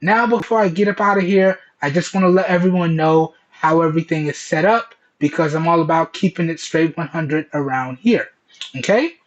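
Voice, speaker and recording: A tech reviewer and video host with a fairly high voice speaks at a moderate pace, casually testing a product on camera. He's colloquial and keeps checking in with listeners using "okay" and "all right," heard through a dull Bluetooth earbud headset mic.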